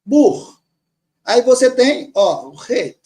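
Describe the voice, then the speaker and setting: A man teaching grammar, reading words slowly from a text and repeating them patiently. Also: very high-pitched, very animated, darkish tone. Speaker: teacher of Syriac Aramaic.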